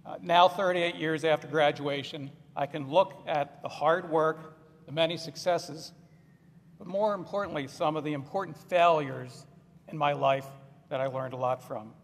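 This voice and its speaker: A man's voice: on the high side, steady tone, moderate pace. A man in his sixties speaks for the alumni association at a graduation, plain and conversational with a touch of self-deprecation. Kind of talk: commencement address. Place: large ceremony hall. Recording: echoey hall.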